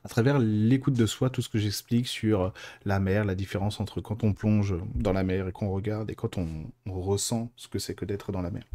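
The host of a mediumship and clairvoyance live stream speaks in a lowish, warm voice with fairly even intonation at a moderate pace. He answers viewer questions casually, in chatty, colloquial language that tends to wander.

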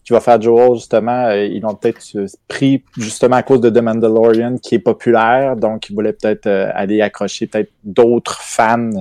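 Hesitant low-voiced Quebec man. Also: level tone, normal speed, few pauses, dark tone, no echo. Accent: Quebec French. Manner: hesitant, many restarts and fillers. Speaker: panelist. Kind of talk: casual panel chat.

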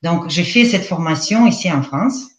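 A woman's voice: fairly low pitch, expressive, moderate pace. A woman from Russia with a Russian accent, a guest telling her story hesitantly with many fillers in a live interview. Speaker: guest, EFT practitioner. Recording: roomy, dull lo-fi sound.

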